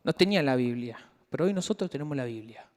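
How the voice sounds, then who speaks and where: A man with a Rioplatense accent leading a youth Bible study in a casual, lively way, asking the group questions and retelling scenes. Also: mid-range voice, quick pace. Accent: Rioplatense Spanish. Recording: long hall reverb.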